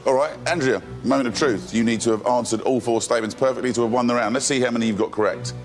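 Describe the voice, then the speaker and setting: A man's voice: medium pitch, faint music behind. Jokey man hosting a quiz show. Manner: brisk, jokey, chuckles between lines. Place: TV studio.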